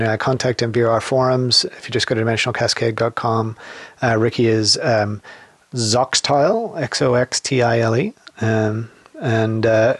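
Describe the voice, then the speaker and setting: A man hosting a casual gaming podcast, rambling with many pauses and restarts as he explains a campaign he runs. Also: mid-range voice, no echo. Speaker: podcast host and campaign games master.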